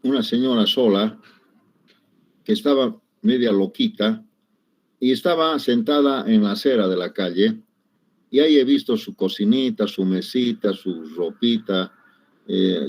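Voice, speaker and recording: A man's voice: lowish voice, a little slow, a little mellow. A middle-aged man, teaching an engineering class and telling personal anecdotes in a conversational way, often adding little tag questions and correcting himself mid-word. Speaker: engineering lecturer. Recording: dull lo-fi recording.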